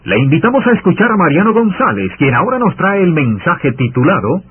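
A male announcer comes over a radio with a thin, narrow-band sound and faint music. He reads a scripted introduction in a declamatory way, his pitch swinging very widely. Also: sing-song, brisk.

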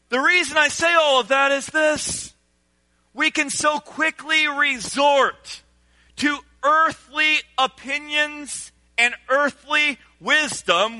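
Animated preacher man, high bright voice. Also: dry recording. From Senegal. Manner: animated, engaging the congregation with call-and-response. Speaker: pastor. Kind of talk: sermon.

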